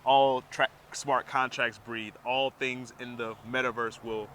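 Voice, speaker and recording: A man co-hosting a casual podcast chat, eagerly explaining ideas with a quick laugh. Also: mid-range voice, level tone, pushed and bright. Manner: enthusiastic, explanatory, laughs easily. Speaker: podcast co-host.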